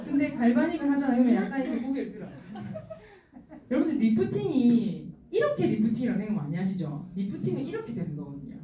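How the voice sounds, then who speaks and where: A middle-aged woman giving a lively sales talk to an audience, acting out the people she quotes and laughing often. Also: fairly high pitch, fast talker, far from the mic. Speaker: skincare sales speaker. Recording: roomy hall, voice from afar, faint ambience.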